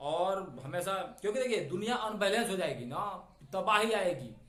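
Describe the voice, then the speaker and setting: A middle-aged man teaches vocabulary in a chatty, rambling way. His voice sits high and he draws out each key word. It rings in an echoey room. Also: expressive, a bit bright. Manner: chatty, digressive, repeats key words slowly. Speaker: English teacher. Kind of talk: spoken vocabulary lesson.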